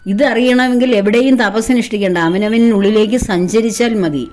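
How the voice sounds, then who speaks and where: A woman's voice: a little high, steady tone, moderate pace, darkish tone. A woman giving a devotional spiritual talk, asking rhetorical questions in an earnest, persuasive way. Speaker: spiritual speaker.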